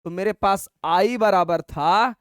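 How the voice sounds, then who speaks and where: High-voiced man teaching maths. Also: clean tone, no echo, clean studio sound. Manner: colloquial, coaxing, addresses students as brother; dictates steps slowly and repeats them. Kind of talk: exam-prep lesson.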